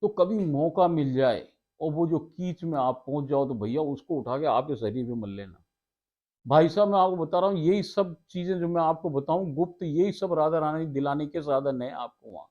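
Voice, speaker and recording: A man's voice: fairly high pitch, normal speed, a little mellow, dull audio. A man, giving a devotional talk, chatting casually and laughing often between passages he reads out. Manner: homely, laughs often, addresses listeners as sarkar. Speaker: devotional storyteller. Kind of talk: devotional talk mixing casual asides with read scripture.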